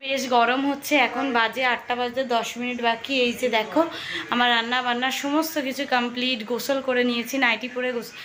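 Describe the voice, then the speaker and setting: A woman's voice: fairly high pitch, fairly even intonation, fairly quick, crowd noise. A young woman chatting casually to her viewers in a daily home vlog, filmed on a phone. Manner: chatty, addresses viewers directly. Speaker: vlogger. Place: at home indoors. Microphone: phone camera held by hand.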